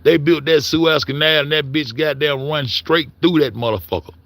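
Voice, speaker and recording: Gravelly man ranting with heavy profanity. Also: fairly high pitch, moderate pace, fairly bright tone, no echo. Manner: profane, heated, repeats himself. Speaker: commentator. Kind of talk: ranting monologue.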